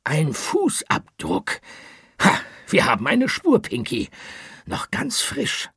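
A man doing a gravelly, eager shopkeeper. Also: high voice, normal speed, no room sound, clean studio sound, voice pushed up, full character voice. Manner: excited, stammering when scared. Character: eager gentleman shop owner on a quest. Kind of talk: audiobook character voice.

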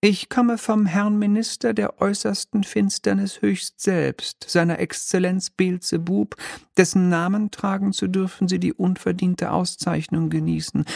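A man's voice: high-pitched, vocal fry, darkish tone, no echo, clean studio sound, pitched above the performer's own voice, full character voice. A man reading an audiobook, voicing an oily, pompous male demon bailiff from hell with unctuous, mock-polite formality.

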